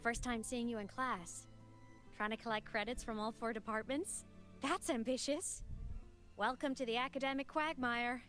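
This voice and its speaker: A woman's voice: fairly high pitch, fairly even intonation, moderate pace, a bit bright, soft background music, lightly acted. A woman voicing a cheerful young female college student who talks in a bubbly, teasing way. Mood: playful. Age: young adult. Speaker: game character. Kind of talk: game voice acting.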